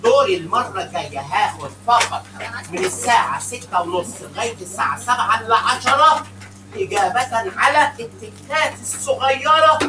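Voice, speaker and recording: A man with an Egyptian Arabic accent giving a classroom lecture, animated and teasing, mixing English terms into his speech. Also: high-pitched, moderate pace. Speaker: accounting lecturer. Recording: echoey room miked from a distance with background noise.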